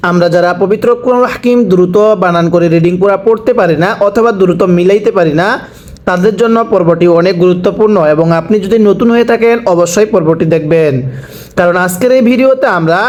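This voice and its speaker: A man teaching a recorded Quran reading lesson, spelling out syllables slowly and patiently and asking the listener to repeat after him. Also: high voice, darkish tone. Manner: slow, drawn-out syllables for the learner to repeat; patient step-by-step instruction.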